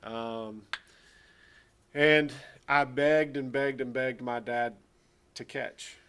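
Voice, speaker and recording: A man who coaches baseball, telling a personal anecdote in a casual, animated way and playfully exaggerating. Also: medium pitch, very slow, clear, resonant tone.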